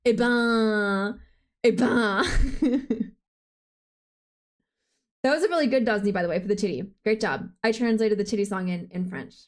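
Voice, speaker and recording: A young woman streaming live, chatting playfully and quickly as she answers her chat. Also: mid-range voice, a little mellow. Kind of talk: casual live-stream chat, reading chat aloud.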